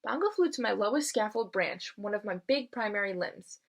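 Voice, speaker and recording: A woman with a medium-pitched voice gives a storybook read-aloud. Her delivery is expressive, and she sounds teacherly, putting things simply as if for young listeners. She speaks at a moderate pace with a gravelly quality.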